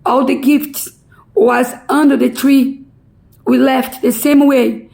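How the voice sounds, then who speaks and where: Older woman, Brazilian accent, Portuguese native, very slow, gravelly voice, emotional halting testimony. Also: sits high, level tone, dark tone. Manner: halting, emotional, broken English.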